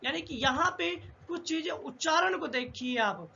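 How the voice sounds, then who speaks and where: A male teacher giving a spoken language lesson, slowly and deliberately drilling letter sounds one by one. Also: very high voice, lively intonation, vocal fry, bright, forceful tone. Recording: dull lo-fi with faint hiss.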